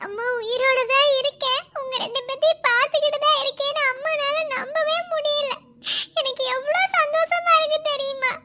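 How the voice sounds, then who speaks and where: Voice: very high voice, pushed and bright. A voice actor playing a young mother cooing tearfully over her newborn twins in a cartoon. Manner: tender, joyfully tearful. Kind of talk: cartoon voice acting.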